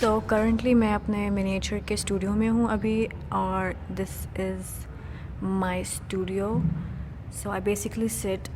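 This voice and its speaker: A young woman, a native Urdu speaker and art student vlogger, talks fast and flat in a mid-range voice. She chats casually in English sprinkled with Urdu phrases while narrating a vlog about her week at art college.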